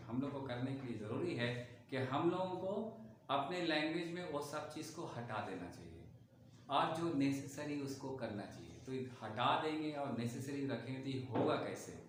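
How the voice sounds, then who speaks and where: A man leads a spoken English lesson in Hindi, walking his learners through each point as he writes on a board. His voice sits at an ordinary middle pitch. It rings around a very echoey room, with a faint hiss underneath. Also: animated, moderate pace. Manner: explains step by step, writing on a board, addressing learners directly. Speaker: English teacher.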